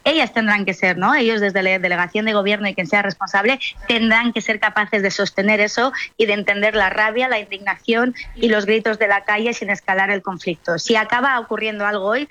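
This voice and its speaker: A woman's voice: medium pitch, pushed and bright. A woman speaking assertively as a spokesperson in a radio interview. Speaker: tenants' union spokesperson.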